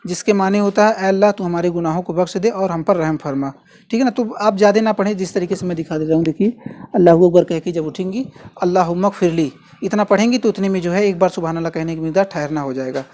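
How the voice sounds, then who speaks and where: A man giving a patient, step-by-step spoken lesson, repeating key phrases slowly and carefully. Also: high voice, darkish tone. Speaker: religious instructor. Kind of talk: instructional demonstration.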